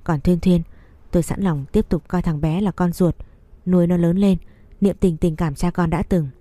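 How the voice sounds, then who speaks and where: A woman's voice: fairly low pitch, fairly even intonation, normal speed, mellow, no echo, lightly acted. A woman voicing a cold, curt grown man, a father, in a read-aloud story. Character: cool reserved father, adult man.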